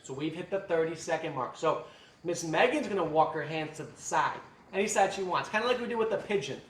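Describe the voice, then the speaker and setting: A man's voice: a little high, animated, brisk, reverberant, recorded from a distance, slight background noise. A man as fitness coach, leading a guided stretching class with jokes and countdowns. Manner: joking, upbeat instruction with counting. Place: fitness studio.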